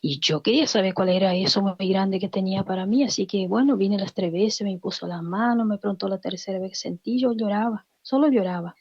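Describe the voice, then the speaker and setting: A woman's voice: mid-range voice, a little fast, few pauses, a little mellow, breathy edge, no echo, dull audio. A woman giving a heartfelt personal faith testimony, acting out the voices of people she quotes. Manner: emotional storytelling, acts out quoted voices.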